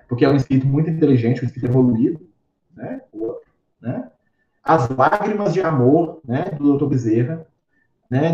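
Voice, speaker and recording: A man with a slightly high voice explains spiritual ideas in an easy, conversational way, tossing in tag questions all through. He sounds far from the mic in a roomy space, and the audio is a bit dull. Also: mellow. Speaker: spiritist study leader. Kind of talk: teaching talk.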